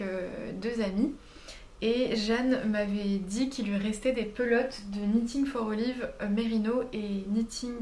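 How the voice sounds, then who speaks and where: In a knitting vlog, a woman with a fairly high, slightly mellow voice chats casually and comfortably. Her speech is full of fillers and self-corrections, and the recording has a roomy echo plus a faint hum behind it.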